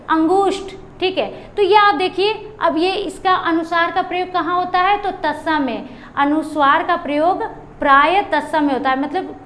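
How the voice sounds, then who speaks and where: A woman's voice: sits high, fairly bright tone, a little hiss or hum. A woman teacher explaining grammar for exam preparation, repeating key terms and asking and answering her own questions. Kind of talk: grammar lesson for exam prep.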